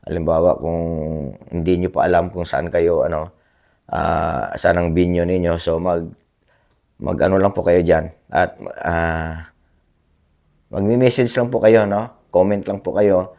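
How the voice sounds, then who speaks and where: A man vlogging in a casual, rambling chat to his viewers, hoarse from a cough, politely tagging his sentences with little questions. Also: deep voice, steady tone, a little slow, darkish tone. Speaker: blogger reading viewer comments. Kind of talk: casual livestream-style chat.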